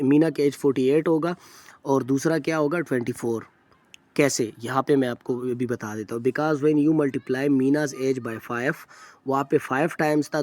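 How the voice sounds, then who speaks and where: A man explaining practice test answers to students. His voice is mellow and relaxed and sits at a middle pitch. He works through each problem step by step, reads the English question text slowly, and keeps stopping to correct himself with a quick apology. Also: dry recording. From Pakistan. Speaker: test preparation teacher.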